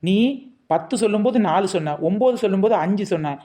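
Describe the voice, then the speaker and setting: A woman acting as a sharp-tongued, cheeky seller's wife in a comedy skit. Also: mid-range voice, expressive, fast talker. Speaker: comic actor playing the seller's wife.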